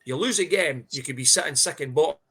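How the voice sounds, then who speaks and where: Male podcast co-host, broad Scots, sharp bright tone, colloquial and sweary, casual sports talk. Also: on the high side, quick pace, husky. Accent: broad Scottish.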